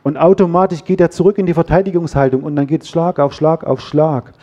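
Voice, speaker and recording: A man preaching a sermon, lively, acting out quarrels in quoted voices. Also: on the high side, fast, dull audio. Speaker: pastor.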